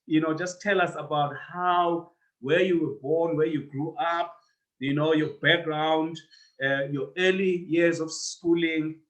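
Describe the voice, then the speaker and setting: A man's voice: on the high side, fairly even intonation, a little slow, a bit bright, rough recording. A man hosting a live online interview podcast, welcoming viewers by name over a video call. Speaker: podcast host.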